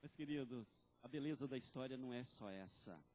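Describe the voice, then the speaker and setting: A male pastor preaching a sermon with passion, voice rising and falling in loudness. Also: mid-range voice, brisk, slight background noise. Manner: impassioned, with big swings in loudness.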